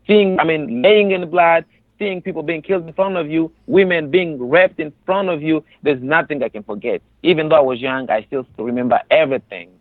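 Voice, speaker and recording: A man in his twenties from the Congo, speaking earnestly and haltingly in an interview over the phone. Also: fairly high pitch, no room sound. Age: 20s. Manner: earnest, halting with many restarts. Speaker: guest. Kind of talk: interview about personal experience. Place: on a phone call. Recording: tinny phone line.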